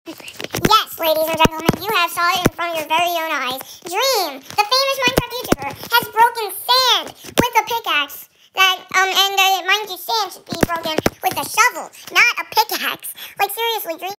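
A woman's voice: very high voice, expressive, normal speed, very noisy, pitched above the performer's own voice. A woman voicing a mock-outraged news assistant through a sped-up chipmunk-voice effect. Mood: mock outrage. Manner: mock-outraged newscaster reporting. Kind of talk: comedy news bit.

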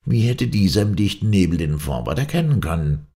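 Man voicing a calm, shrewd ship's doctor. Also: low-pitched, fairly quick, voice pushed up. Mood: reasoning.

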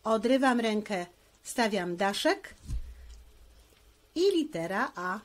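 A woman's voice: medium pitch, very animated, slow pace. A woman teacher giving a handwriting lesson, explaining each stroke patiently, step by step.

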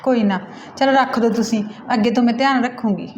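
Voicing a younger sister in a short film, a woman plays her polite but mildly defensive, in a fairly high voice. The room sounds echoey, with clear background noise. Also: fast, a little mellow, close to an everyday voice. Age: young adult. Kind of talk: Punjabi short film acting. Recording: roomy, noisy.

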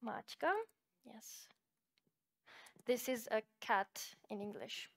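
Her voice slightly high, steady and creaky, a woman whose first language is Slovenian gives a conference talk. She guides the audience through a software demo in measured explanations peppered with fillers.

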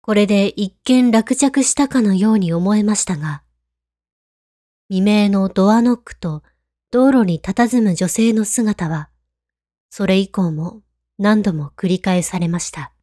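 A woman reading a scripted horror story in a hushed, calm, creepy storytelling manner. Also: mid-range voice, a little slow, no room sound, studio quality. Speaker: ghost story narrator.

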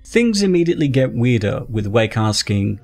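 A man giving scripted, measured narration for a film explainer video. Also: mid-range voice, very animated, darkish tone, faint music behind.

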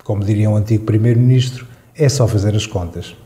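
A man reading his radio opinion column in a measured, dryly ironic way. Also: lowish voice, mellow. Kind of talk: read radio opinion piece.

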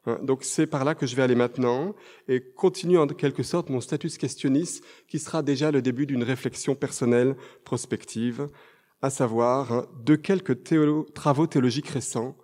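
A man's voice: medium pitch, normal speed, dark tone. A man with a French accent giving an academic conference lecture, hesitating often with fillers and reading quotations aloud. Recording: long hall reverb.

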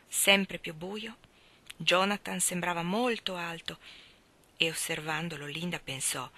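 A woman reads a literary story aloud with a measured, expressive delivery. Her voice sits low yet sounds bright and clear, and she often sinks into a hushed near whisper. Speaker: narrator. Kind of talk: storybook reading.

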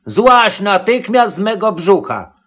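A pompous old tree scolds loudly from on high, as a man voices it. Its voice swings up and down in this storybook telling. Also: animated, measured pace, full character voice. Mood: angry.

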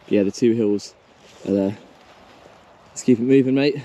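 A man's voice: medium pitch, moderate pace, mellow. A young man vlogging on an open hillside with an action camera held at arm's length, chatting casually and giving directions with a few jokes. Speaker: vlogger hiking guide. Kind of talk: casual outdoor vlog chat.

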